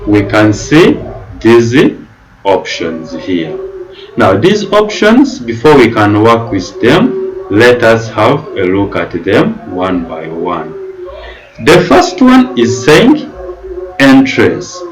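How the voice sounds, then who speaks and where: Slow, lively-voiced male tutorial instructor. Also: medium pitch, poor audio. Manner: slow, deliberate explaining with rising stresses on key words. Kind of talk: software tutorial narration. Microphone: computer mic on a video call.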